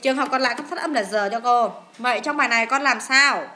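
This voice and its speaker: A woman English teacher with a Vietnamese accent, going through exam answers in a lively, coaxing way, asking questions and answering them herself. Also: fairly high pitch, fast, noisy background. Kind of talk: classroom-style lesson explaining an exam.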